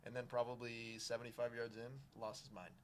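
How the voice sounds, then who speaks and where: A man with an American accent telling excitable fishing stories in casual chat. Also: mid-range voice, a little hiss or hum. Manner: fast, excitable storytelling. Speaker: fishing guide.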